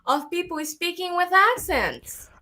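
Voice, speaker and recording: A woman from America, a guest telling stories about her career in lively casual chat. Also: very high voice, a little slow. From Latin America. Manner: animated storytelling, acts out her own past thoughts in quotes. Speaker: guest filmmaker.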